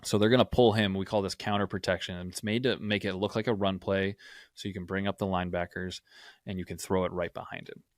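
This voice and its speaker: A man's voice: sits low, fairly even intonation, fast talker, dry recording, studio quality. A man co-hosting a football podcast, explaining plays from game film and often checking in with "right?". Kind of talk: film breakdown.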